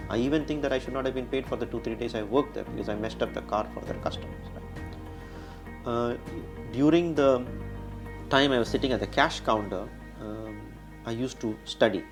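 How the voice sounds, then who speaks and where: Heard over music, a man with a heavy Indian accent tells stories in a conversational interview, speaking quickly and often closing sentences with a questioning "right?". His voice sits in the mid-range.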